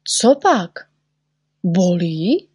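A woman's voice: medium pitch, expressive, no room sound, clean studio sound, natural voice. A woman voicing a fussy, patient little male doctor who soothes and chides his patient. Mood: soothing. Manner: soothing, chiding.

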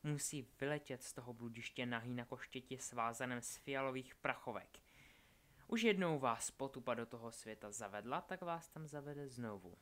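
A man's voice: medium pitch, a bit bright, lightly acted. A man voicing a cruel, scheming young witch who taunts and threatens. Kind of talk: audiobook character voice.

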